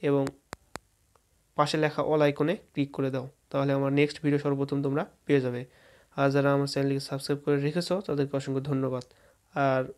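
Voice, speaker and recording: A man's voice: medium pitch, a little mellow. A man whose first language is Bengali, teaching English fruit names in a casual spoken lesson and spelling words out letter by letter to his viewers.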